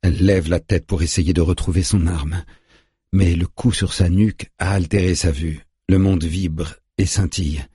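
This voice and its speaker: Very husky deep male narrator. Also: fairly even intonation, moderate pace, dark tone, no room sound, studio quality. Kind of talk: audiobook narration.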